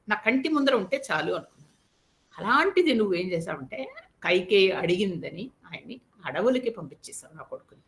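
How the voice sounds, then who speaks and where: A woman's voice: mid-range voice, pushed and bright. A woman storyteller voicing a grieving queen mother who laments and reproaches her husband.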